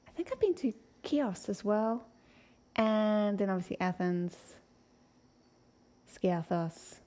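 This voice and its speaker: A woman's voice: medium pitch, animated, slow pace, warm tone. A woman in easygoing conversation with a mid-range voice. She asks questions and often breaks into laughter. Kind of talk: casual chat.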